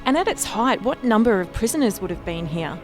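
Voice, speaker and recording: A woman's voice: medium pitch, very animated, a little fast. A woman hosting a television interview, putting questions in a conversational style. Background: music.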